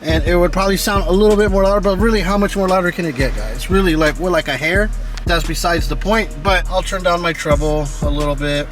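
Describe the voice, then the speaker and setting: Inside his truck with the stereo blasting, a car audio vlogger gives a casual, chatty how-to on tuning his speakers. His voice sits high and he talks fast, with loud music playing behind him.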